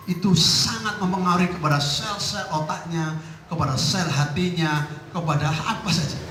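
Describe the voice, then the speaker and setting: Animated middle-aged Islamic teacher, echoey room. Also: male voice, on the high side. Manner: animated, swings between loud emphasis and soft asides, acts out parents and children. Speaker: Islamic teacher giving a parenting talk. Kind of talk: lively lecture to parents. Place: small prayer room. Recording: echoey room with faint ambient noise.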